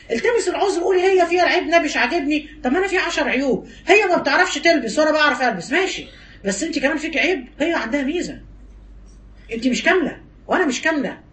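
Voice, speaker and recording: Rapid-fire high Egyptian woman preaching. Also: a little hiss or hum. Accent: Egyptian Arabic. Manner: animated, teasing mimicry of gossip; rapid-fire rhetorical questions. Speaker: religious teacher. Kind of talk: religious lesson to women.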